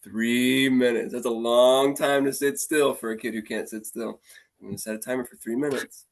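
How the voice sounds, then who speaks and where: A man who teaches martial arts, chatting casually and telling animated stories, often acting out what his students say. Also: mid-range voice, brisk, vocal fry. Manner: animated, acts out the kids' voices. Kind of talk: casual storytelling conversation.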